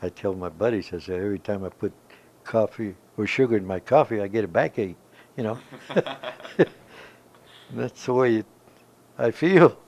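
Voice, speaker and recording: Older man with a gravelly voice. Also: lowish voice, moderate pace, long pauses, darkish tone. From Kansas. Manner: rambling, emphatic storytelling with many "you know". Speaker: veteran interviewee. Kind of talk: oral history recollection.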